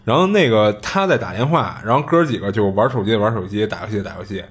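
Low-voiced man telling a ghost story. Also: animated, quick pace. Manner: chatty, colloquial, with many filler restarts. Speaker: podcast host.

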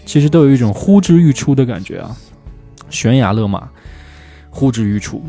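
A man teaching English pronunciation, who slows down to drill phrases again and again. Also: medium pitch, animated, dark tone, faint music behind. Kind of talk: spoken language lesson.

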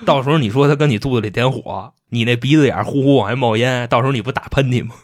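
A man's voice: medium pitch, very fast, lightly acted. A man doing a sly scheming roc demon. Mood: offhand. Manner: sly, offhand, coarse slang.

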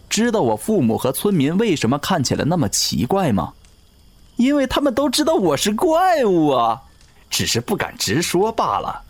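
A man's voice: medium pitch, slightly rough, full character voice. A man voicing a sneering undying seducer. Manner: sneering, mocking, slow and drawn out. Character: ageless male river-god servant, cruel gloating seducer. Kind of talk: audio drama acting.

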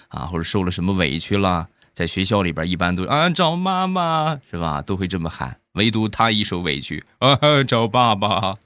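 A man hosting a comedy podcast, telling funny family anecdotes in a chatty, teasing way with drawn-out filler sounds. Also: low-pitched, a bit bright, no echo. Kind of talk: comic anecdote storytelling.

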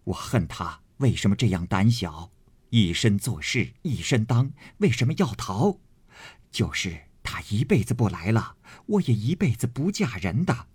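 Man playing a defiant young maid, raised husky voice, animated pitch, dry close sound. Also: measured pace, dry recording, full character voice. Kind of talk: storytelling reading of a classic novel.

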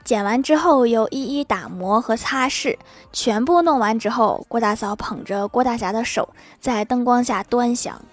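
Woman telling jokes, slightly high voice. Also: normal speed, few pauses. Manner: storytelling delivery that chuckles at the punchlines. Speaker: joke narrator. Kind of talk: reading short comic anecdotes.

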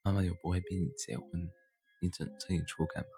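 A man's voice: low voice, level tone, brisk, gravelly, dark tone. A man voicing a doting, joking mother bear in a children's storybook, talking in a wry, teasing way.

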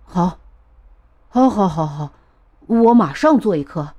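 A woman's voice: on the low side, animated, slow pace, warm tone, dull audio, voice pushed down. A woman voicing a nervous father who apologizes again and again on the phone, in a read-aloud storybook. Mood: flustered. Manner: flustered, repeats himself humbly. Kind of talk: storybook reading.

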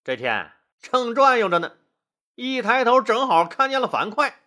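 A man telling history stories as host of an audio show, lively and colloquial with asides. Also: very high-pitched, moderate pace. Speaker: storyteller host. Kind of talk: history storytelling.

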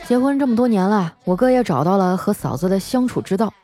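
A woman radio host telling comic stories about her family, chatty, with drawn-out particles and frequent laughs. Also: mid-range voice, lively intonation, dark tone. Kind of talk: comic storytelling monologue. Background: faint background music.

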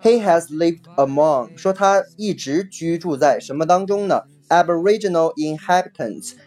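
A vocabulary teacher giving a recorded lesson, patiently explaining, repeating each key word twice and spelling it out slowly letter by letter. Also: medium pitch, darkish tone, soft background music. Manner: spells words letter by letter, slow and deliberate.

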